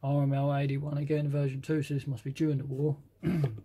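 A British man casually reviewing a box of model paints, reading out colour names haltingly and admitting he can't pronounce some. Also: mid-range voice, level tone, mellow, slight background noise.

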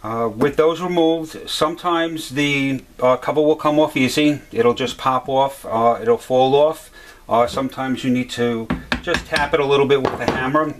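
A man's voice: medium pitch, moderate pace, noisy background. A man giving a step-by-step repair demonstration at a workshop bench, talking plainly with frequent "uh" fillers. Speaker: HVAC supply instructor.

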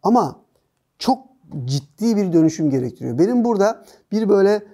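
Mellow-voiced man explaining calmly. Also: high voice, brisk. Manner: steady, methodical explaining. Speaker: guest nutrition expert. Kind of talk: explanatory casual chat.

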